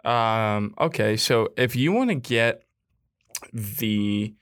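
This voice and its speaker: A man's voice: fairly low pitch, lively intonation, slow pace, a bit bright, clear, resonant tone, no room sound, clean studio sound. A young man co-hosting a podcast, bantering and joking about football and betting odds. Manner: joking, talkative sports banter. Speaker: podcast co-host. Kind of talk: casual chat.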